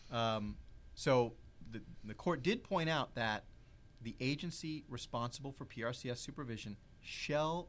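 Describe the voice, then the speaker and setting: A man explaining legal rules in an interview, measured and precise, stressing key words. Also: medium pitch, a bit bright. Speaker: legal expert guest.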